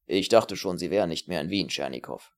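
A man voicing a terse, grim male refugee, speaking a bit lower than his narration, with a dry clipped manner. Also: expressive, brisk. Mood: tense.

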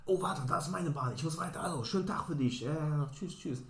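A man voicing a loud, slightly drunk woman who rambles on and keeps adding "ne?" at the end of her sentences. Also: low voice, lively intonation, fast, voice pushed up. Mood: insistent chatty. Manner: rambling, repeats herself, tags "ne?". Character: loud tipsy local woman, chatty, insistent. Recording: roomy echo.

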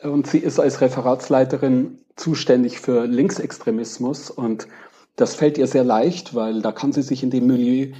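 A man answering casually as a guest, reflective and pausing now and then to search for words. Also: medium pitch, steady tone, warm tone. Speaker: podcast guest, crime novelist. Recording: dull, lo-fi connection.

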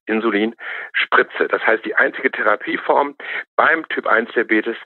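A man's voice: mid-range voice, measured pace, a little hiss or hum. A middle-aged or older man, an expert guest, explaining things in an interview. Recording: tinny, narrow phone-like line.

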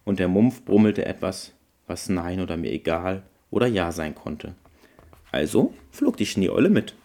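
A man, host of a podcast, gently reading a Christmas storybook tale aloud. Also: low-pitched, sing-song. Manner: gentle, unhurried.

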